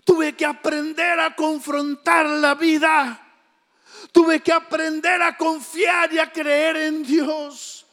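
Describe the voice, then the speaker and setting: Impassioned high-voiced man giving testimony. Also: little pitch movement, slow pace, fairly bright tone, soft background music. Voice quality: impassioned, preaching delivery. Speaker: testimony speaker. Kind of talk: emotional spoken testimony. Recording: long hall reverb.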